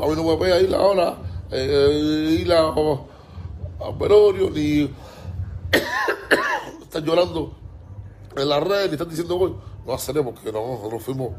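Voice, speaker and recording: A man's voice: fairly high pitch, darkish tone, a little hiss or hum. A man with a Cuban Spanish accent, ranting in a heated, repetitive way, stumbling over his words and swearing often. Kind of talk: casual ranting monologue.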